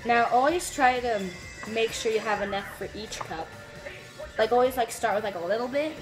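The young home baker talks at a moderate pace in a fairly high voice, filling her casual kitchen tutorial with "like" and "you know." The recording is rough, made on a phone or camera at arm's length, with music playing beneath.

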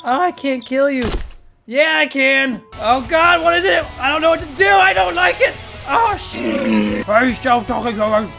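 With music underneath, the walrus gamer persona, tusks and all, reacts to the game with playful yelps and shrieks, thoroughly excitable. The voice here is mid-range and expressive, slow, with noticeable vocal fry.

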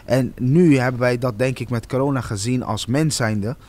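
A man's voice: mid-range voice, moderate pace, darkish tone. A man, hosting a casual discussion in colloquial, slangy speech and repeating phrases for emphasis. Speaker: podcast host. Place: table in an open indoor café-like room. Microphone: close podcast microphone on a stand.

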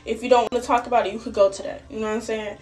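Racing along in a rather high voice, a young woman in college vlogs to her phone at arm's length, chatting to viewers with lots of slang and animation. She films in small indoor spaces, including a dorm and a bathroom.

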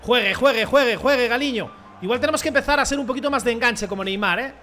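Young man, very high and bright voice, ranting football game commentary, mutters and yells. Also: fast, soft background music. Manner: rants, pleads and shouts at the game, swings from mutters to yells. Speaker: gaming streamer. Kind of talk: excited gameplay commentary.

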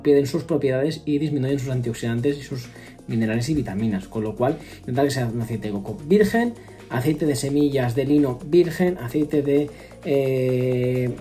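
A man in his thirties explains food choices on his home webcam, warm and mellow in tone. He pauses on fillers and restarts words mid-thought. Faint music plays softly behind him. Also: medium pitch. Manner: explains step by step, frequent fillers and self-corrections. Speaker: nutrition vlogger. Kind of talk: casual explanatory vlog. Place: home room with wooden ceiling, indoors.

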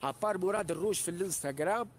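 Talking very fast in a high-pitched voice, a Tunisian-accented man launches into an angry live-stream rant, with slight background noise behind him. He keeps repeating himself, boasting, throwing insults and swearing heavily.

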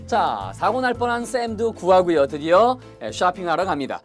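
A man teaching English in a lively video lesson, drawing out English phrases slowly between quick asides. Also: sits high. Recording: faint music underneath.

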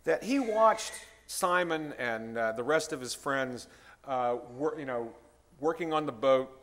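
A man's voice: medium pitch, expressive, a little slow, fairly bright tone. A retired pastor in his sixties, preaching a guest sermon in a conversational way and calling out to the congregation. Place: church sanctuary. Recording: reverberant church hall.

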